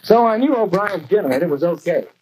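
An American actor playing a keen, plain-spoken young garage mechanic in scripted 1940s training film dialogue. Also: male voice, high-pitched, lively intonation, fast. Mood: matter-of-fact. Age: young adult. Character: keen young male garage mechanic explaining his work. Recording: noisy 1940s film soundtrack.

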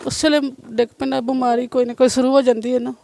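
Mother, weary plain account, very high, gravelly. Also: level tone, quick pace, warm tone. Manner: plain, tired account of hardship. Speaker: interviewee, mother.

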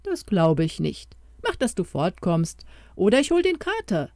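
Woman voicing a doubtful young lad from a fairy tale, sighing, wary, mellow tone, lively pitch. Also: a little slow, no echo, clean studio sound.

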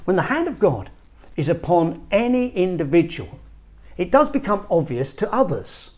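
A man's voice: sits high, big pitch swings, normal speed. A middle-aged man from England preaching an earnest, emphatic sermon, recorded indoors in a small church room on a lapel mic. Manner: earnest, emphatic, gestures with both hands. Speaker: pastor.

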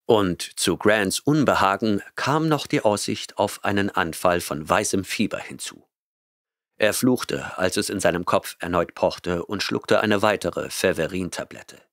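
Deep-voiced male audiobook narrator. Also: dry recording, clean studio sound. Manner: measured, even storytelling. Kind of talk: scripted narration.

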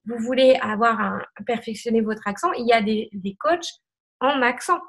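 A woman hosts a casual interview, agreeing and adding to what her guest says. Her voice sits fairly high. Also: animated, normal speed. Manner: agreeing, picks up the guest's points. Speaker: host.

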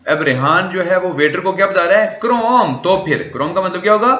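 Sharp-toned and high, talking a little fast, a man teaches a language class. He explains words and repeatedly quizzes his students, in a dull, roomy classroom recording.

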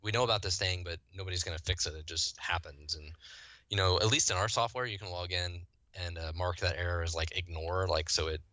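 A software company founder from the US Midwest appears as a podcast guest, explaining his product casually, fluently and with enthusiasm, though he restarts now and then. His low voice holds a steady tone, bright and forceful, moving fairly quickly with no room sound.

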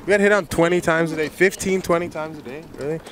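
A man's voice: on the high side, fast, a crowd in the background. Joking young man interviewing strangers outdoors. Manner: joking, teasing, swears freely. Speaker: street interviewer. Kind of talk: casual street interview. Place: outdoors on a city beachfront.

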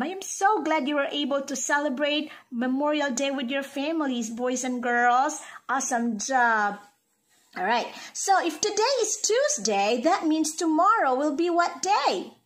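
A woman speaking like a kids show host, teaching young children in an encouraging, sing-song manner with questions and pauses for answers. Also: high voice. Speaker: early-childhood teacher hosting a calendar lesson.

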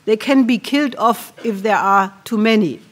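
A woman in her sixties with a German accent gives a keynote speech at a podium in a large hall, earnest and halting, often clearing her throat. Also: medium pitch. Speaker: keynote speaker. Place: large conference hall with audience. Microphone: podium microphone.

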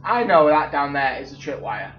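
A man's voice: on the high side, very animated, normal speed, faint music behind. A man commentating his game play, jumpy and swearing, exclaiming at every scare. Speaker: let's play gamer. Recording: echoey, slightly dull, faint noise.

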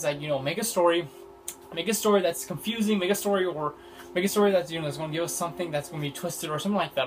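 A young man talks through a film review off the cuff, stumbling over his words and leaning on "you know" and "like". His voice sits a little high for a man, and music plays clearly beneath him. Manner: rambling, many fillers and restarts. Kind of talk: casual unscripted review.

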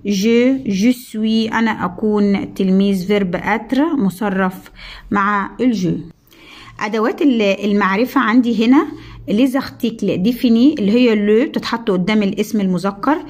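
A woman with an Egyptian Arabic accent giving a French review lesson, drawing out the French words slowly and repeating them. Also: mid-range voice, a little mellow. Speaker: French teacher.

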